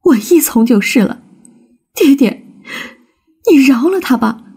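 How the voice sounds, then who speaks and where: Brief: a woman playing a young storybook heroine, pleading and emotional, husky tone, slow delivery. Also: fairly low pitch, lively intonation, darkish tone. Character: young woman, devoted and defiant daughter.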